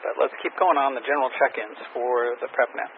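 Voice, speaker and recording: A man's voice: mid-range voice, steady tone, a little fast. A man running an amateur radio check-in net, heard over a two-way radio, reading call signs in the phonetic alphabet in an orderly way. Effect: heard over a two-way radio with static. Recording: tinny radio transmission with faint static.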